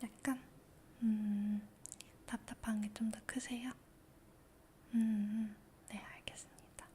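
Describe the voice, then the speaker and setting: A woman whispering softly through an ASMR doctor checkup roleplay, gentle, reassuring and patient. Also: mid-range voice, flat delivery, slow pace, slight background noise. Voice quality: soft whisper.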